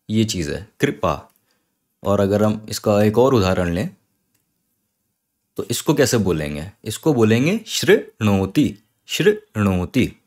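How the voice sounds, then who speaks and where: A man teaching an online Sanskrit lesson, patiently spelling words out slowly, sound by sound. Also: fairly low pitch.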